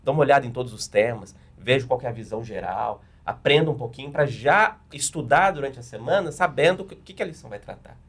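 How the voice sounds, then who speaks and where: A man's voice: medium pitch, lively intonation, quick pace, hardly any pauses, fairly bright tone, slightly rough. A man with a Brazilian Portuguese accent, a pastor explaining step by step with practical examples in a panel discussion.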